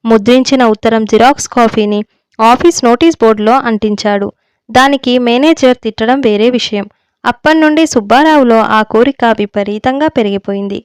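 Woman narrating a story, smooth voice. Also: a little high, dry recording. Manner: measured, steady reading. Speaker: story narrator, channel host. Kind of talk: audiobook storytelling.

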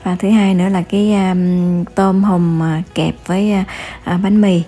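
A woman narrating a family travel vlog in voice-over, pausing often with fillers as she goes. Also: medium pitch, fairly even intonation, warm tone, breathy edge. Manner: hesitant, many filler pauses. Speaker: travel vlogger.

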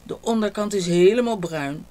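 A woman reading a children's picture book aloud, with slow, gentle, expressive narration. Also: mid-range voice. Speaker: storybook reader.

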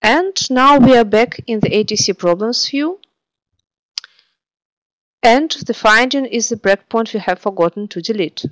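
A woman narrating a software screencast tutorial in a steady instructional way. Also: fairly high pitch, a little slow, pauses often, dry recording, low-quality recording.

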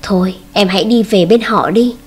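A woman's voice: mid-range voice, normal speed, slightly rough, close to an everyday voice. Woman reading a cold young man. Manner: cold, dismissive. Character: young man, cool and dismissive toward his ex.

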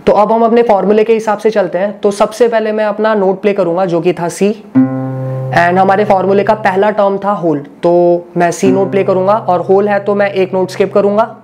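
A man's voice: high voice, flat delivery, normal speed. A man teaching a guitar lesson, patiently explaining and repeating each step, mixing Hindi with English phrases.

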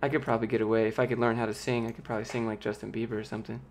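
Over slight background noise, a streamer in his late twenties talks very fast with little pitch movement, reading out chat questions and answering them in a loose, meandering way. His boyish, light voice squeaks at times. He's seated close to a big pop-filtered studio microphone in a small home office.

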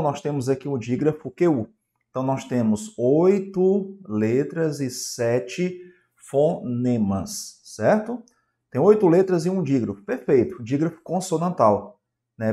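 A man's voice: medium pitch, dark tone. A man with a Brazilian Portuguese accent giving an exam-prep grammar lesson, asking questions aloud and answering them himself. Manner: asks questions in a student's voice and answers them himself, with frequent tag questions. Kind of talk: classroom grammar lecture.

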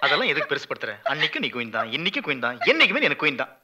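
An actor playing a teasing middle-aged police officer husband in a comic film scene. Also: male voice, on the high side, huge pitch swings, very fast, sharp tone, full character voice. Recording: dull lo-fi film audio.

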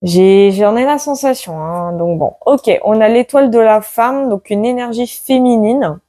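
A woman lays out tarot cards for her followers, talking in a casual, chatty flow dotted with little "hein"s. Her voice sits a bit high and sounds dry and close, with no room around it. She breaks into loud, excited exclamations. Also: measured pace, no room sound. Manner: excitable, exclaims loudly, many "hein" tags. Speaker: tarot card reader. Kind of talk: casual card-reading video.

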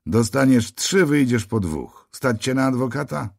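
A man's voice: medium pitch, lively intonation, measured pace, gravelly, slightly rough, no room sound, clean studio sound, voice pushed up, heavily acted. A man voicing a weary middle-aged cop. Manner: tired, matter-of-fact, mildly sardonic. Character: weary heavyset male police officer near fifty. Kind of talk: audiobook character voice.

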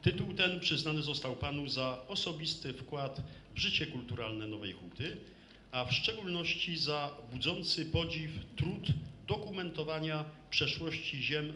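A man's voice: on the high side, normal speed, sharp tone. A man reading out a formal award citation in a ceremonious manner as the presenter. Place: hall at a public ceremony. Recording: echoey hall, light noise, audience.

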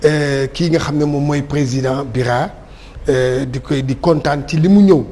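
A man's voice: fairly high pitch, normal speed, mellow, big-room sound. A middle-aged man, a TV pundit speaking hesitantly with many fillers, on a lapel mic. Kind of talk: casual talk-show banter. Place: TV studio set.

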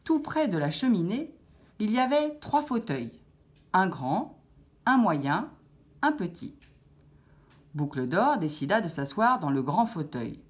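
A woman reading a children's fairy tale aloud with expressive storytelling. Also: mid-range voice, a little slow, long pauses.

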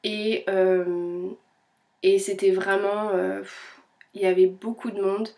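A young woman chats at an easy pace to her knitting vlog audience, her voice slightly strained. She hesitates often and fills pauses as she tells her story. She keeps a friendly, conversational tone. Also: medium pitch, flat delivery, warm tone. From France. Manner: chatty, many fillers and hesitations. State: voice a little strained. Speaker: knitting vlogger. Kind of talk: casual chat.

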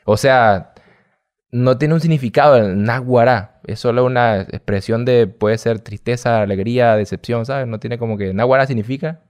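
In an interview, a young adult guest youtuber from Venezuela chats and rambles easily, sprinkling in slang, his light Venezuelan accent audible. His voice is medium-pitched at a normal speed.

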